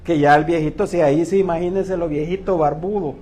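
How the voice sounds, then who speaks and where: A man's voice: a little high, steady tone, a little fast, a little mellow. A man preaching in church, telling stories playfully and voicing the characters himself. The sound is echoey, from a church hall, with faint noise in the background. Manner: storytelling with humor, acting out biblical figures. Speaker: pastor. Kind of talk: sermon.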